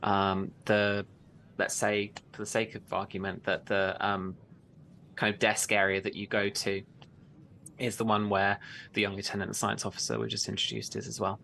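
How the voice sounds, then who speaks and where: A man's voice: lowish voice, flat delivery, moderate pace, creaky, bright, forceful tone, a little hiss or hum. A man narrating as game master in loose, hedging talk full of "kind of" and "like".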